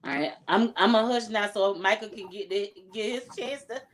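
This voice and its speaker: A woman's voice: medium pitch, moderate pace, noisy background. A woman on a video call who likes to talk, speaking earnestly and chattily. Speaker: guest. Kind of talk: casual video call chat.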